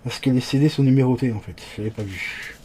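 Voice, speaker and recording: A man's voice: medium pitch, quick pace, mellow, slight background noise. Chatty man unboxing a collector's set. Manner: chatty, hesitant with many fillers; talks to viewers as friends. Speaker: unboxing youtuber. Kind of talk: casual unboxing commentary.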